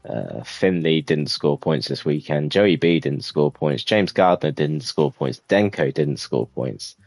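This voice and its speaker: A man casually commentating his own racing management game, relaxed and rambling with many fillers. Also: rumbling low, unhurried, vocal fry, no room sound. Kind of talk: casual let's-play commentary.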